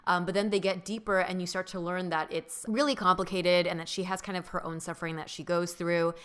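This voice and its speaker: Young woman, podcast co-host, thoughtful, reflective, bright tone, low pitch. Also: fairly even intonation, a little fast, clear, resonant tone. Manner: thoughtful, reflective, many fillers. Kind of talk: casual chat.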